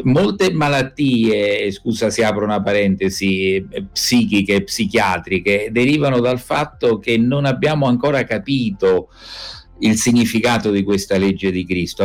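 Older man, low measured voice. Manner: measured, explanatory lecturing. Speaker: professor guest. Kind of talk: interview on religion.

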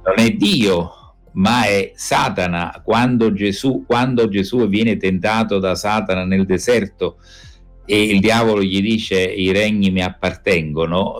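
Older man, lowish voice, professor, measured lecturing, faint music. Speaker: professor guest. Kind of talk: interview on religion.

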